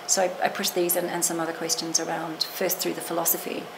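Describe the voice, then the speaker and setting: The speaker is a middle-aged woman who teaches literature, giving reflective interview talk with a creaky voice on the low side. She is a fast talker with a flat delivery, often restarting or adding asides to qualify herself. She sits in a small lecture room, recorded amid room noise.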